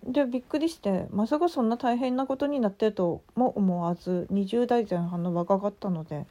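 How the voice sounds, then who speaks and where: A woman podcast host with a Tsugaru dialect, telling a story in a casual, animated way with many asides. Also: mid-range voice, a little fast. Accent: Tsugaru dialect of Japanese. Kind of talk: casual solo audio chat.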